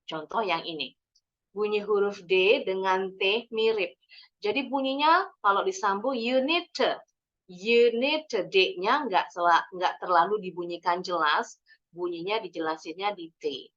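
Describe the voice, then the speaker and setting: A woman teaching an online English pronunciation lesson, explaining points and then modelling short phrases slowly. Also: medium pitch, fairly bright tone, highs cut off. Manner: switches between explaining and slow model phrases.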